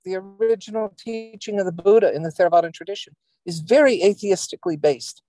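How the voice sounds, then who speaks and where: A woman sharing her thoughts in an online meeting over a video call. She speaks earnestly and deliberately. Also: mid-range voice, dark tone, no echo. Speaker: meeting participant.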